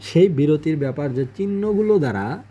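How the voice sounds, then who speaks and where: A man's voice: fairly high pitch, expressive, a little fast, dark tone. A man teaching basic grammar, giving each definition and then restating it more simply. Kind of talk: explanatory lesson.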